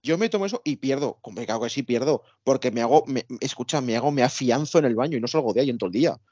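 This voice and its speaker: A man's voice: mid-range voice, lively intonation, darkish tone, breathy edge, no echo, highs cut off. A man with a Spain Spanish accent, co-hosting a casual podcast and dropping teasing jokes. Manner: quick teasing interjections. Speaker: podcast co-host. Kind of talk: casual chat, joking banter.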